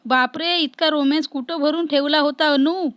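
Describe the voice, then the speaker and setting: A woman's voice: high-pitched, fairly even intonation, moderate pace, fairly bright tone, no echo, muffled recording. A woman voicing a cheerful elder sister who teases and laughs at the couples. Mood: teasing. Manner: laughing, teasing. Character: cheerful teasing older sister.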